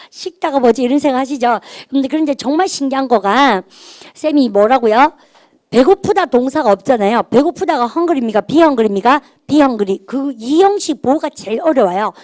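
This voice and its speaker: Brisk woman drilling English grammar. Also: high-pitched, a little mellow, no echo. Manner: drills students with call-and-response prompts. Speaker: English teacher. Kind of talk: recorded grammar lecture.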